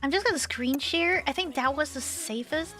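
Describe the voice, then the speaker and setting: A woman's voice: high-pitched, moderate pace, a bit bright, soft background music. A woman streamer chatting casually on a livestream, rambling and teasing, with restarts as she thinks aloud.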